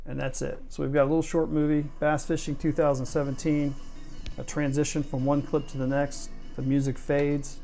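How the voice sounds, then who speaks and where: A man walks through a computer task in a relaxed, conversational tutorial. His voice is mellow and fairly even in pitch. He explains each step plainly as he goes. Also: vocal fry. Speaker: video tutorial maker. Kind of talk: casual screen-recorded tutorial.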